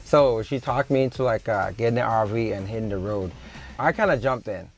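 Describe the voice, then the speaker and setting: A man's voice: lowish voice, fairly quick, faint music behind. A man in his thirties, a woman's husband and travel partner, making easygoing, brief remarks in an interview. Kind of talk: documentary interview.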